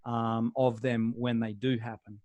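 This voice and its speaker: Relaxed Australian man on a dry call. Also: mid-range voice, measured pace, dry recording, muffled recording. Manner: relaxed, rambling with many ums and restarts. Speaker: guest. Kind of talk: casual video call interview.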